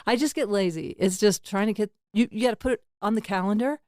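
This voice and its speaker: A woman's voice: mid-range voice, fast, darkish tone, dry recording, clean studio sound. A middle-aged woman hosting a podcast, talking frankly and rambling, often laughing at herself. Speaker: podcast host. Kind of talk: candid casual interview chat.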